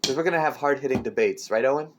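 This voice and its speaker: A teenage guy hosts a loose podcast chat, rambling and restarting his sentences, filling them with "like" and "um". His voice sits at an ordinary middle pitch. The homemade desk mic picks up clear clicks and thumps from the table. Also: noisy background. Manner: rambling, halting, full of fillers and restarts. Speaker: podcast host. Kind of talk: casual chat. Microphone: amateur desk mic.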